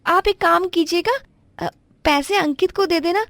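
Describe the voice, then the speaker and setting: A woman voicing a scheming young wife who lies and stammers out excuses in a high voice. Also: measured pace, vocal fry, a bit bright, no echo, exaggerated voice. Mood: pleading. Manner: high, pleading, fibbing with stammers.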